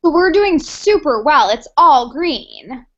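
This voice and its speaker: A woman's voice: sits high, very animated, slow, highs cut off, exaggerated voice. A woman playing an indignant, stubborn army commander, argumentative and exasperated, in an improv comedy sketch. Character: indignant, stubborn army commander who sees only green.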